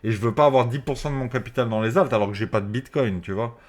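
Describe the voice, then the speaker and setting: A man's voice: mid-range voice, quick pace. A man speaking through a face mask, giving casual, off-the-cuff market commentary to his viewers in informal, slangy language with some swearing. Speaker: crypto trading video host.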